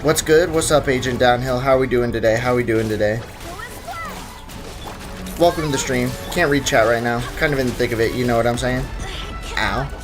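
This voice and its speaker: A young man live-streams a video game, chatting casually with viewers, greeting the chat and talking to himself as he plays. His voice is mid-range, his pace moderate, and he leaves long pauses, with faint game music behind him.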